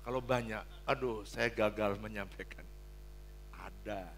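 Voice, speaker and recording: An older man preaching a sermon as pastor, blunt and joking, swinging from hushed pleading to loud exclamations. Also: fairly low pitch, unhurried, creaky, slight background noise. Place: church hall.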